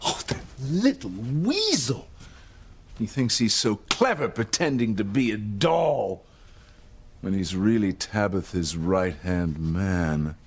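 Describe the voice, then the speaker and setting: Deep, haughty, sardonic rich man. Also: big pitch swings, slow, exaggerated voice. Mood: astonished, scornful. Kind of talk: daytime soap opera acting. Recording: music under the dialogue.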